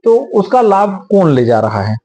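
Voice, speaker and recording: Husky measured lawyer man. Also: high voice, sing-song, mellow, faint music behind. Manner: measured, lecturing, uses homely examples. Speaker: senior advocate. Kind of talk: explanatory interview answers.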